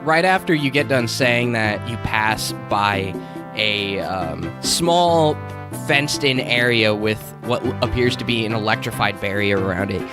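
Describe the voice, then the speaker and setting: A man's voice: on the low side, normal speed, music in the background. A man narrating as game master, describing scenes with frequent ums and uhs. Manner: descriptive with many fillers.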